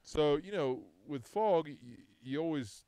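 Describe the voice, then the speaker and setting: A man's voice: a little high, expressive, a little slow, mellow, clean tone, dry recording. A man co-hosting a fishing radio show, sharing tips in casual, rambling chat with many restarts.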